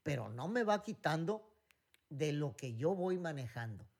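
A man's voice: on the high side, sing-song, a little slow, vocal fry, a little mellow. A middle-aged man with a Mexican accent, co-hosting a casual chat and rambling through stories with many fillers and restarts. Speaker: podcast co-host.

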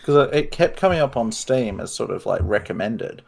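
A man's voice: mid-range voice, animated, fairly quick, vocal fry. An Australian man chatting casually on a podcast in a rambling, occasionally sweary way.

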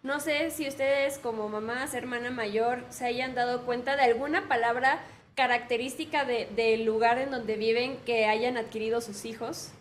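A woman co-hosting a podcast, chatty and quick to laugh as she talks with guests. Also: a little high, fairly even intonation, a little hiss or hum. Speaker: podcast co-host. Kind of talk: casual interview chat.

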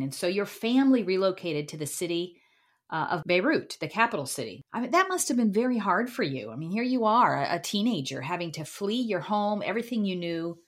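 A woman hosting a faith interview who asks questions in an encouraging way. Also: lowish voice. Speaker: host.

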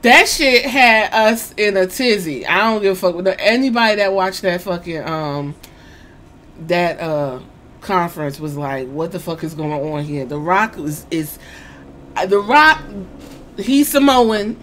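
Excitable woman swearing through a recap. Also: medium pitch, measured pace, a little hiss or hum. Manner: excited, swears a lot, acts out quotes. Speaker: wrestling fan recapping a press conference. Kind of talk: casual profane storytelling recap.

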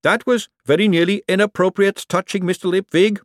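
A man's voice: high-pitched, steady tone, no echo, studio quality, pitched above the performer's own voice, lightly acted. Man putting on a prim, precise female golem clerk. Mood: earnest. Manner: formal, slow and precise.

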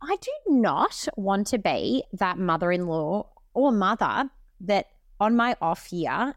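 A woman's voice: medium pitch, very animated, slow pace, dry recording, studio quality. A woman co-hosting a podcast in casual chat, blunt and swearing offhandedly while giving advice. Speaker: podcast co-host.

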